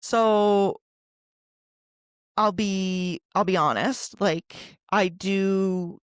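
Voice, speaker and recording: A woman's voice: mid-range voice, fairly even intonation, drawn-out words, clear, resonant tone, no room sound, clean studio sound. A young adult woman co-hosting a podcast, talking casually with lots of fillers and laughs. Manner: chatty, full of fillers and laughs. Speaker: podcast co-host. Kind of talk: casual chat.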